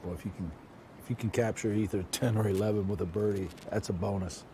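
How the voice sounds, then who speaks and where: A man's voice: fairly low pitch, fairly even intonation, quick pace, background noise. A man giving conversational live golf commentary, repeating phrases for emphasis.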